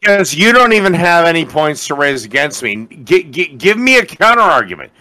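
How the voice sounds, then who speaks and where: A man's voice: a little high, sing-song, normal speed, pushed and bright. A man in his forties arguing defensively and combatively, often stammering and restarting. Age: 40s. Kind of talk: heated call argument.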